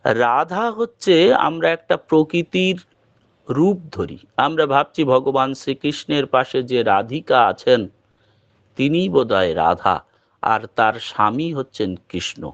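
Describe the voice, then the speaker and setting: Slow, measured Bengali man preaching. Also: medium pitch, animated, no echo. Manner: slow, measured, explaining patiently. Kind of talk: devotional talk. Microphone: online meeting audio. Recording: dull lo-fi call audio.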